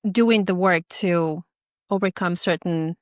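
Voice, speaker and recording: Reassuring woman with a low voice. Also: slow pace, no echo, studio quality. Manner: reassuring, gentle. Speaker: podcast host. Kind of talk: supportive podcast conversation.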